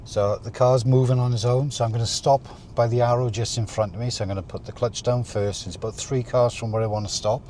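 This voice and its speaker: A man talking through a driving lesson as an instructor, calmly explaining each step while he drives. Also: medium pitch, a little fast, hardly any pauses. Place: inside a moving car. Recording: car interior with faint vehicle noise.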